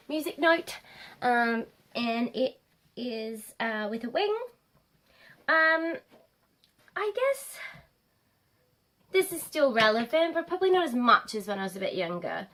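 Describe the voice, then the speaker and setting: A woman in her late twenties, nasal from a cold, chatting to camera as a vlogger, rambling with many pauses and ums. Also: sits high, expressive, a bit bright. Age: late 20s. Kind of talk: casual chat to camera.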